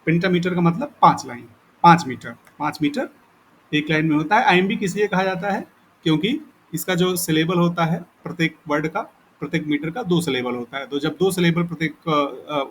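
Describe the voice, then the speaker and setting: A man teaching a recorded lesson, explaining step by step and repeating points, reading definitions aloud slowly. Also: on the high side, a little hiss or hum. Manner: explains slowly in Hindi, reads English definitions aloud haltingly with pauses. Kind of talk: recorded lecture.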